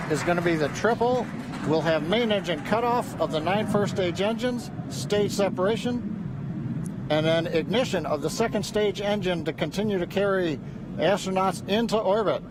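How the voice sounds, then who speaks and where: Male launch host, high-pitched voice, live commentary with clear noise behind. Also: normal speed.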